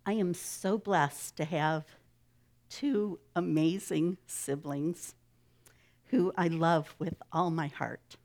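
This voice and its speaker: A woman speaking at a church service, reading a short story with gentle, hushed dialogue and then talking about her own family. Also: sits low, takes it slowly. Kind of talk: reading a story aloud, then a personal talk.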